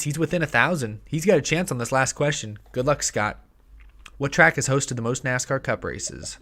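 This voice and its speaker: A young American man in his twenties hosts a casual livestream from a small home streaming room, thinking aloud and correcting himself. His medium-pitched, fairly bright voice is slightly hoarse with a tickle in his throat, captured close up by a headset and an arm-mounted studio mic.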